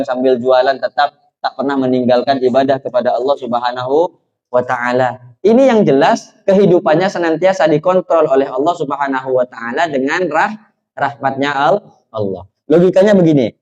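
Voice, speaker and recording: High-voiced preacher telling a story. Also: male voice, darkish tone. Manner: storytelling, often asking the congregation questions. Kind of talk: sermon. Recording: dull lo-fi recording.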